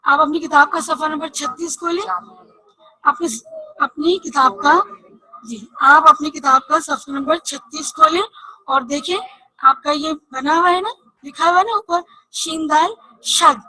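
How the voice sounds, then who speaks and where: A woman teaching young children to read, slowly spelling out letters and asking questions she answers herself. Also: high voice, sharp tone, dry recording, low-quality recording. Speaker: Urdu teacher. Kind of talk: online reading lesson for children.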